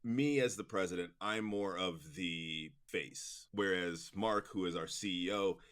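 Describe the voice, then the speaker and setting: A production company president in his forties talks casually as an interview guest, chatty and informal, thinking out loud as he goes. His voice is low-pitched and fairly bright, at a measured pace.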